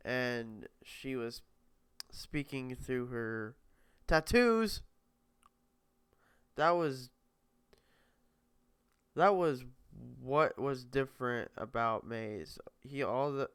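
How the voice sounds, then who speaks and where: A man's voice: mid-range voice, fairly bright tone, clear, resonant tone, no room sound. A young man casually reading a novel aloud, often stumbling over words and correcting himself. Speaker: reader.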